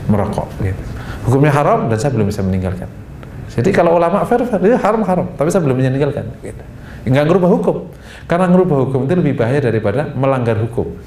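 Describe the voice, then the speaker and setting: A male preacher lecturing in a mosque hall, his tone conversational and full of asides. His pitch leaps and falls in lively waves as he stresses each point. The room is echoey, with a faint rumble underneath. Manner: animated, rising high for emphasis, chatty asides with laughs. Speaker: Islamic preacher. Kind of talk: religious study lecture.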